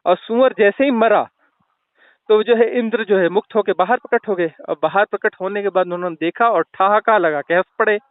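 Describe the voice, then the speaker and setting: High, smooth-voiced man teaching spirituality. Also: no echo. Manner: slow, explanatory, with restarts and fillers. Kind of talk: spiritual talk with storytelling. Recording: tinny phone-like line.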